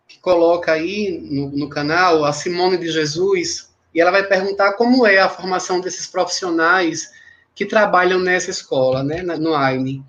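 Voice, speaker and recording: A man's voice: high-pitched, fairly bright tone, dull audio. A man moderating an interview, asking questions and relaying a question from the audience. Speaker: interview mediator, professor.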